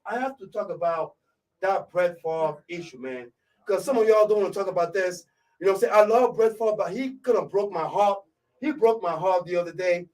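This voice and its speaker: High-voiced hype radio host from Côte d'Ivoire. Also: male voice, a little mellow, recorded from a distance, low-quality recording. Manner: hypes listeners with constant "you know what I'm saying" fillers. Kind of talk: live radio show intro.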